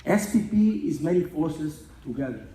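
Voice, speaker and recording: A man's voice: fairly high pitch, lively intonation, moderate pace, warm tone. A young man from the Republic, giving an earnest, emotional graduation speech and repeating phrases for emphasis. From Dominican Republic. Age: young adult. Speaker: graduating student speaker. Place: large event hall. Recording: echoey hall.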